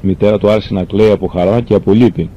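A man reads a classic novel aloud, narrating calmly and earnestly with an occasional stumble. The recording is dull and lo-fi, with a faint rumble underneath.

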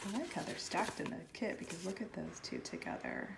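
A woman with a raspy voice from smoky air, chatting casually as she unboxes a planner kit at home. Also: fairly low pitch, huge pitch swings, a little fast, heavy background noise. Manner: chatty, enthusiastic, soft-spoken at times. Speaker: planner vlogger. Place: home, while her son is in an online class.

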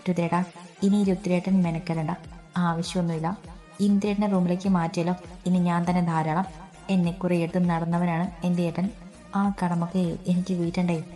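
A woman's voice: on the low side, level tone, normal speed, mellow, faint music behind, lightly acted. A woman voicing a young man who speaks tenderly about caring for his older brother.

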